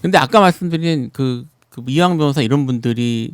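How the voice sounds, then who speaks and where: Fast-talking male lawyer in a dry studio. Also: mid-range voice, smooth, no room sound. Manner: explanatory, repeats fillers like "그러니까". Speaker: lawyer, guest. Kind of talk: live current-affairs interview. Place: broadcast studio.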